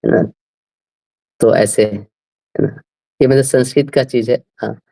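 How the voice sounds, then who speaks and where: A man explaining scripture to a class, slowly working through speech sounds and often asking his listeners whether they follow. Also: medium pitch, creaky, mellow, poor audio. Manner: slow, repeats "right?" often, spells out sounds. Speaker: scripture teacher.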